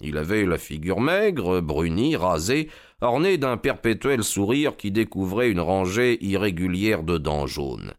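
A man narrating a classic detective story in a measured, deliberate storytelling manner, close on a studio mic. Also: low voice, big pitch swings, no echo. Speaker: audiobook narrator. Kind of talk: scripted literary narration.

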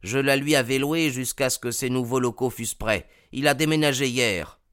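A man voicing a vague, obliging landlord in an audiobook, hesitant and halting with fillers. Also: mid-range voice, a bit bright, clean tone, dry recording, studio quality, pitched above the performer's own voice, natural voice. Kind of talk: audiobook character voice.

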